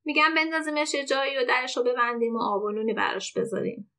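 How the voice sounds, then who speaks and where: A woman's voice: sits high, pushed and bright. A woman reading the lines of a practical, plainspoken village man in a story. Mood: plain.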